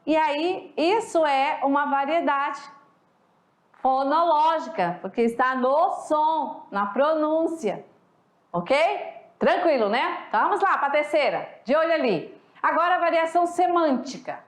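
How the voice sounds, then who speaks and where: Give me a chatty Brazilian woman teaching a lesson, high-pitched, recorded in an echoey room. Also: expressive, measured pace. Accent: Brazilian Portuguese. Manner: chatty, keeps checking in with the class. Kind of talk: recorded online class lecture.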